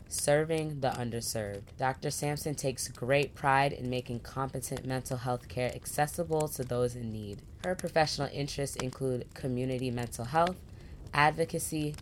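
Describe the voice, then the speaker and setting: A woman's voice: a bass voice, a little hiss or hum. A woman hosting a podcast, introducing her guest with gushing enthusiasm and casual asides like "y'all". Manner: effusive, peppers speech with "y'all" and "like". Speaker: podcast host. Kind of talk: podcast interview.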